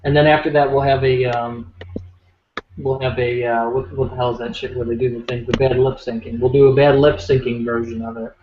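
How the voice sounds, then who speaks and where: A man's voice: medium pitch, level tone, brisk. A man co-hosting a casual podcast, joking and swearing as he rambles. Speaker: podcast co-host. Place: home room, dogs nearby. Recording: roomy, dull lo-fi podcast audio with faint noise.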